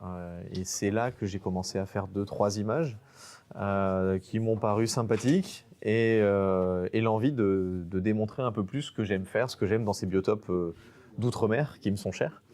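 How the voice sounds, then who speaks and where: A man's voice: lowish voice, moderate pace, darkish tone. A man from French Guiana, a nature photographer, talking casually in an interview with many fillers and restarts.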